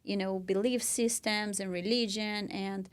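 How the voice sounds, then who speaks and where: Speaking a little slowly in a mid-range voice with fairly even intonation, a young Brazilian podcast co-host tells her own story. Her Brazilian Portuguese accent comes through in earnest, casual talk filled with "like" and "you know."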